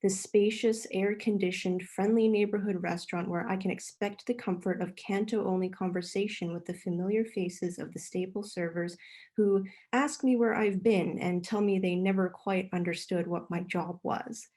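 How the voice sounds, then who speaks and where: A woman reading her own literary essay aloud in a measured way over a video call, after a brief introduction. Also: mid-range voice, steady tone, dark tone. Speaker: reader, author.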